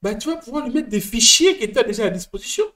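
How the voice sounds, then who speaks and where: High-voiced French man, coaching at a whiteboard; lively, repeats himself, talks straight to one client. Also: fast talker. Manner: animated, talks to one listener as "tu", many restarts. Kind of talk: explaining at a whiteboard.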